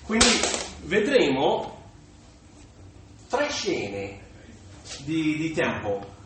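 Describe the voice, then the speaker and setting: A male preacher giving a sermon, animated, with occasional small restarts. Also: a little high, drawn-out words. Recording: echoey room, distant mic, faint noise.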